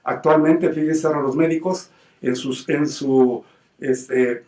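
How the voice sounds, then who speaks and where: A man's voice: on the high side, fairly even intonation, slow, a little mellow. Mexican man, lay preacher, earnest and emphatic, stumbles over words; voice distant from the mic in an echoey room. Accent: Mexican Spanish. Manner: earnest and emphatic, with many restarts and repeated words. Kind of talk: informal sermon. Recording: roomy sound from away from the mic.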